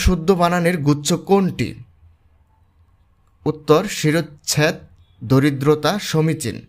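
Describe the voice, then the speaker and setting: A man with a Bangladeshi accent explaining exam answers as a tutor, walking through examples slowly and steadily. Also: on the high side. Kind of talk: explanatory lesson.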